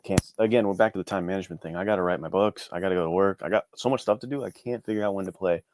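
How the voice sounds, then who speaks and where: An indie adventure author, guesting on a podcast, chats casually in an informal, slangy way with a touch of self-deprecation. He talks very fast in a low, darkish voice, with no room sound on the recording.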